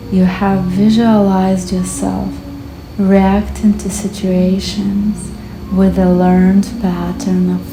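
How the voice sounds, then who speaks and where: A woman guiding hypnosis in a slow, calm, soothing hypnotist voice, with long pauses between short phrases. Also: lowish voice. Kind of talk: slow guided hypnosis narration. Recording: echoey voice over background music. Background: music.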